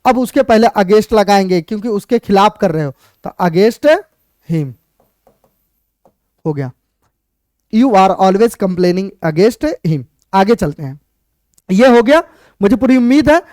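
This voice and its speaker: A teacher explaining English grammar in Hindi, going step by step, asking questions and answering them, and slowing down to spell out each example sentence. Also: mid-range voice, animated, darkish tone, no room sound.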